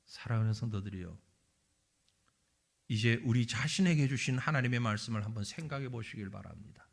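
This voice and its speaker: A man's voice: medium pitch, a little fast, vocal fry. A middle-aged man, a pastor preaching a Sunday sermon in a church and acting out the dialogue of scripture scenes. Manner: animated preaching, acts out dialogue between God and Abraham. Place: church sanctuary.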